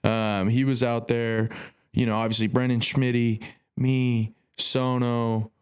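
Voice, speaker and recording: A young man in the middle of a casual podcast story, loose and profane. He gets animated, and his voice shoots up high whenever he quotes somebody. His pitch is otherwise average for a man. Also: slow pace, smooth. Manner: animated, swearing, pitch jumps way up when quoting people. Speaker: podcast guest.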